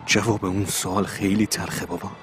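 A man's voice: sits low, flat delivery, music in the background, close to an everyday voice. An actor dubbing a bitter son reflecting on his father's betrayal. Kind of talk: dubbed TV drama dialogue.

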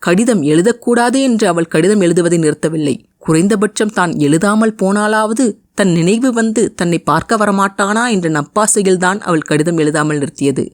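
A woman narrating a romance audio novel with an expressive, emotive reading. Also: lowish voice, normal speed, no room sound, studio quality. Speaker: storyteller.

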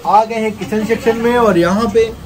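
Brief: young male vlogger, relaxed home chatter to camera, a touch higher-pitched. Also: normal speed, faint music behind. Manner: chatty, talks to viewers while walking through the house. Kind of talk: casual family vlog chat.

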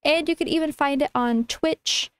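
A woman's voice: sits high, moderate pace, dry recording. A young woman livestreamer chatting casually to her viewers in a cutesy, informal, affectionate way. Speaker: livestreamer, VTuber.

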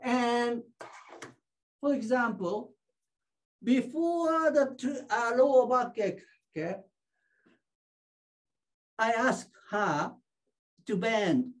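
High-voiced woman teaching very slowly. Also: lively intonation. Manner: short phrases, acts out patients. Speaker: shiatsu teacher. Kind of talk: teaching through an interpreter.

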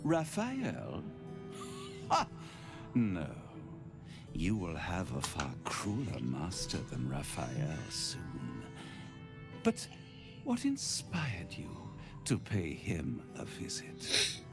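A seductive male incubus from a fantasy game, very slow and wildly swooping in pitch. He purrs theatrically, teasing and menacing, with music playing behind him. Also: huge pitch swings, creaky, exaggerated voice. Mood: scornful. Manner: theatrical, drawn-out, purring with whispered asides. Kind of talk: video game voice acting.

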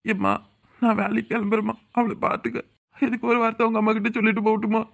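A woman's voice: fairly high pitch, flat delivery, quick pace, creaky. A woman voicing a worried young husband in a cartoon, pleading and anxious, with a southern Tamil Nadu accent. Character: worried young husband torn between work and wife. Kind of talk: cartoon voice acting.

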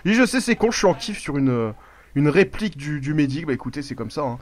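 A man's voice: a little high, sing-song, a little fast, no room sound. A man giving casual live commentary over his gameplay, rambling, swearing a lot and breaking off to react to the game. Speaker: gaming YouTuber.

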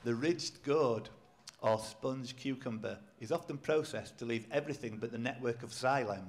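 A man's voice: medium pitch, moderate pace. A man hosting a pub quiz, reading questions aloud with dry, teasing asides. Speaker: quizmaster. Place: pub function room.

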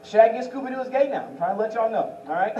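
Performing at an open mic in a small club, this young comedian works a handheld mic and drifts into celebrity impressions. He sounds high-pitched, expressive and a little fast, with a mellow quality, though the distant camera's roomy recording is muffled and carries a bit of hiss or hum. The audience laughs behind him.

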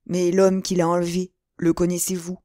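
A woman reading aloud and voicing a young hot-headed male musketeer, eager and quick to exclaim. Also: on the low side, no echo, studio quality, lightly acted. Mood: questioning. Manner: eager, rising to excited exclamations.

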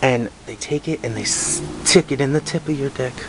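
A young man runs a cheeky, joking interview with a friend, laughing often between questions. His voice sits at a middle pitch for a man, recorded outdoors. Clear background noise sits behind him. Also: normal speed. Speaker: interviewer, YouTuber. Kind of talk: casual chat.

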